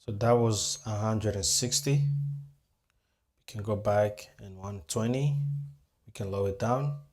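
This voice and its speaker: Laid-back lower-voiced man explaining sound gear. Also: a little mellow. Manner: casual, thinks aloud while adjusting gear; talks straight to viewers as "guys". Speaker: audio-visual technician. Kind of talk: hands-on tutorial.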